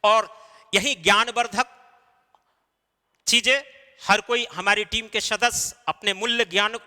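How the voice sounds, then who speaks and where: A man's voice: high voice, pushed and bright, in a large hall. A man teaching an exam-preparation class, explaining step by step and answering his own questions. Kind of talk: recorded lecture.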